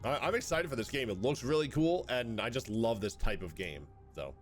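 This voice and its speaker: A man with a hoarse voice from a sore throat, streaming a game and reading its story text aloud with wry comments between passages. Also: mid-range voice, expressive, moderate pace, faint music behind.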